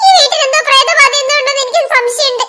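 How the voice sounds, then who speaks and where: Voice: very high-pitched, very fast, pushed and bright. A performer voicing a chatty, slightly forgetful mother in a cartoon. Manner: chatty, exclaiming. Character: chatty mother, newly moved in, a bit forgetful. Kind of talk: cartoon voice acting.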